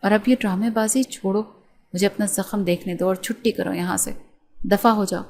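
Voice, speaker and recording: A woman voicing an angry, sharp-tongued young woman doctor who scolds with scorn. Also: mid-range voice, steady tone, vocal fry, close to an everyday voice.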